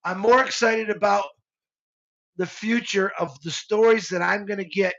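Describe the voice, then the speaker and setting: A man's voice: high-pitched, steady tone, normal speed, fairly bright tone, lo-fi sound. A man in his fifties, co-hosting a live stream, talking in a heartfelt, rambling way with lots of restarts. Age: 50s. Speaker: co-host of a live show. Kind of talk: casual live-stream talk.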